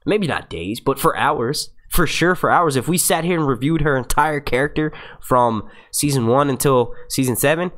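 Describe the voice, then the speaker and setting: A man's voice: medium pitch, moderate pace, few pauses, fairly bright tone. A man in his twenties from the United States with a youthful-sounding voice, hosting a casual live stream and chatting in a rambling way. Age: 20s. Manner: rambling and chatty, with many fillers and profanity. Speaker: YouTube channel host reading live chat.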